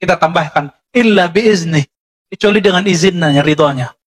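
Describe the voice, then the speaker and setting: A man with a high-pitched voice delivering a sermon with an Indonesian accent. He lectures in a conversational way and keeps turning to his listeners with short tag questions. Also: moderate pace, breathy edge. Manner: conversational lecturing, addresses listeners as Pak, frequent "ya" tags. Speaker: Islamic preacher.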